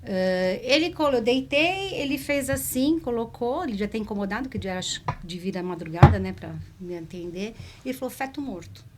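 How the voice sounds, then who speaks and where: A woman telling a personal story in a conversation, in a lively, emotional way. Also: fairly high pitch, normal speed, few pauses, background noise. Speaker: spiritist speaker.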